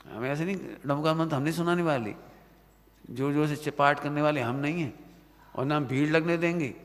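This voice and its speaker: The speaker is a Jain preacher lecturing students sternly in Hindi on religious matters, scolding and often asking if they've understood. His voice is a little high with a fairly bright tone, echoing with long reverb in a Jain study centre hall at night.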